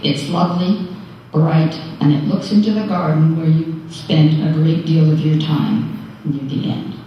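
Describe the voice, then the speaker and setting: Older woman, daughter's tribute, soft and measured; distant, muffled, roomy. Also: deep voice, slight background noise. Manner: tender and measured. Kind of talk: memorial tribute. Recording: echoey hall from far off, dull sound.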